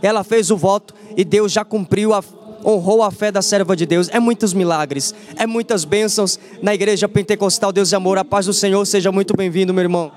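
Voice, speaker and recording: A man's voice: sits high, fairly even intonation, fairly quick, a little mellow. A man hosting a religious radio program, fervently prompting a guest's testimony. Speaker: church radio host.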